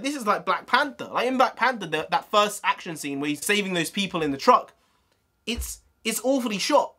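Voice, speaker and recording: A man's voice: sits high, sharp tone. A man giving a casual, opinionated film review in a blunt, informal way.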